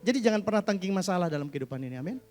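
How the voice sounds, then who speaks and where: A man preaching a sermon as pastor at a church service, animated and swinging between loud and hushed, mixing in English words. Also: high voice, very fast, faint music behind. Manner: mixes English words into his speech.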